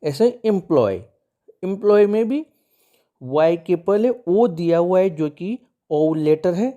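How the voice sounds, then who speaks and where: A male English teacher giving a lesson, his pitch rising and falling in an animated way as he explains. He takes each example step by step, patient and methodical, and now and then calls out to his viewers as friends. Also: takes it slowly, lo-fi sound. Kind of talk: explaining spelling rules.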